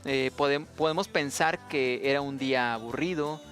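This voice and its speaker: A man's voice: mid-range voice, normal speed, a bit bright. A man with a Mexican Spanish accent, patiently and methodically explaining songwriting rhythm as a teacher. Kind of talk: instructional explanation.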